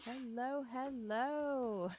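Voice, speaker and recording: A woman's voice: high voice, extremely slow, noisy background. A woman co-hosting a live podcast broadcast, talking casually, upbeat and often laughing. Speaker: podcast co-host. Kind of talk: casual live-stream chat.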